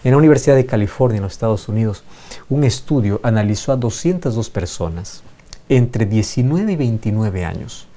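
A man's voice: lowish voice, lively intonation, a little fast, mellow. A man preaching a sermon, emphatic and fond of repeating phrases for effect.

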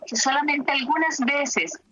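A woman therapist recounts cases from her practice in a bright, fairly high voice. She talks reflectively, with pauses and fillers. The recording sounds dull and lo-fi. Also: a little hiss or hum. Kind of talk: telling case stories in an interview.

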